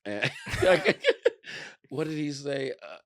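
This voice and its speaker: A man's voice: mid-range voice, slow pace, vocal fry, no room sound, studio quality. A man co-hosting a casual wrestling podcast, joking around and laughing often. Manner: animated, jokey, laughs often. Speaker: podcast co-host.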